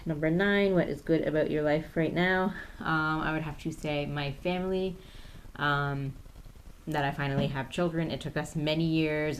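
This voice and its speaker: A woman's voice: deep voice, a little hiss or hum. A woman in her thirties chatting casually through a tag video, hesitant and full of ums as she reads questions off her phone. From Canada. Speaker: YouTube vlogger.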